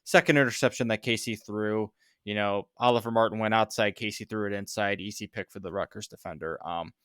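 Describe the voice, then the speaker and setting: A man talks through a sports podcast in a low, resonant voice, heavy with fillers and dry sarcasm. The sound is close and dry with no room echo. He rambles casually as a regular co-host. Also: a bit bright, clean tone.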